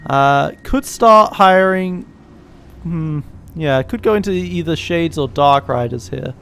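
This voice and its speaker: A man's voice: fairly high pitch, lively intonation, slow pace, vocal fry, fairly bright tone, slight background noise. A man chatting casually and joking around while playing a strategy game against a friend. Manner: loose and joking, hesitant restarts. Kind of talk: casual gameplay chat.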